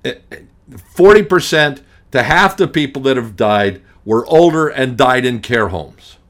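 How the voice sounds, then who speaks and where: A man's voice: mid-range voice, animated, unhurried, a bit bright. A middle-aged man hosting a radio talk show as an estate planning attorney, ranting emphatically and hammering points through repetition, with frequent restarts. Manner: frequent restarts, blunt and grumpy.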